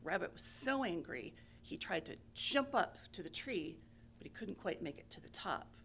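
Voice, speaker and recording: A middle-aged woman telling a parable as a church speaker, in a gentle, homely storytelling manner. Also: on the low side, sing-song, normal speed, slight background noise.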